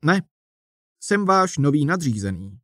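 A man's voice: fairly high pitch, big pitch swings, bright, forceful tone, no room sound. Smug bossy manager guy, a man reads him, salesman patter, dry close sound. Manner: brisk, salesman-like, lecturing. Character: pushy male manager in striped suit, self-satisfied.

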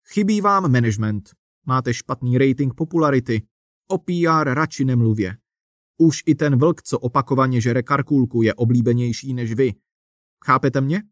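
A man's voice: mid-range voice, expressive, dry recording, studio quality, lightly acted. A man reading the part of a pushy, self-satisfied manager in a striped suit, talking like a salesman. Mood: bossy. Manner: brisk, salesman-like, lecturing.

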